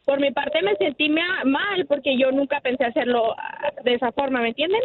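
A woman caller, speaking haltingly over the phone. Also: high voice, a crowd in the background. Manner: hesitant, halting confessional talk. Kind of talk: phone-in chat. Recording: tinny phone line.

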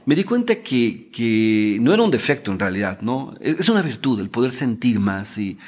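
A man's voice: medium pitch, sing-song, normal speed. A middle-aged man, a guest telling his story in an emotional way, repeating words and adding tag questions. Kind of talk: storytelling interview talk.

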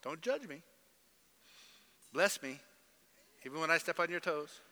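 Emphatic preacher in a church hall. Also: male voice, on the high side, lively intonation, a little slow, sharp tone. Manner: emphatic preaching with mimicked voices. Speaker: pastor. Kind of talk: sermon.

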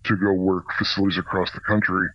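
A man working as a corrections officer answers radio interview questions in a plain-spoken, halting way, his voice disguised to sound deeper. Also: little pitch movement, dull audio, a little hiss or hum. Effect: voice disguised to protect anonymity, deepened. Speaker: corrections officer, senior officer specialist.

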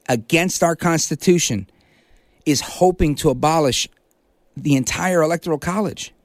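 A male political talk radio host from Brooklyn, New York, delivers an emphatic, punchy monologue, repeating key words with slow stress. His voice is on the high side, recorded on a studio microphone in a dry studio with no echo.

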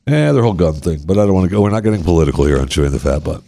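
A man's voice: sits low, big pitch swings, racing, vocal fry, warm tone. A man co-hosting a casual chat show, reading odd news stories aloud, laughing often and putting on mocking voices.

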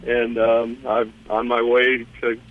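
A man, a truck driver, calls in to a radio show and talks haltingly, with many restarts. His voice arrives over a muffled, dull phone line at a middle pitch. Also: completely flat delivery. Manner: hesitant, halting, laughs easily. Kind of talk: phone-in call.

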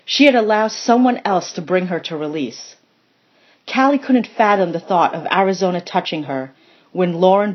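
A woman reading a story aloud in slow, measured, solemn narration. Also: lowish voice, muffled recording. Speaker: story reader. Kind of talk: scripted narration.

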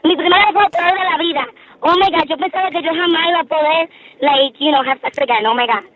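A woman's voice: very high voice, fairly quick. A woman calling in anonymously to a radio show, giggly and mixing English into her talk, her voice altered by a voice changer. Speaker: caller. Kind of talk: phone-in confession. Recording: tinny phone line.

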